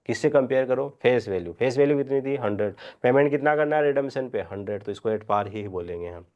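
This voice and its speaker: A man giving a revision lecture as a commerce teacher. He quizzes his students with questions and answers them himself, and he dictates journal entries slowly, word by word. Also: mid-range voice, highs cut off.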